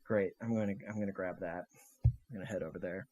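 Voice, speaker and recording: A man's voice: deep voice, steady tone, fast, a little mellow, muffled recording, slight background noise. A man playing a tabletop game casually, talking hesitantly with lots of ums and restarts. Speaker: player.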